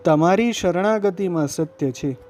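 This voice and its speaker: Shy devoted young milkmaid, as a man reads her, hesitant, mellow tone. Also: high voice, measured pace.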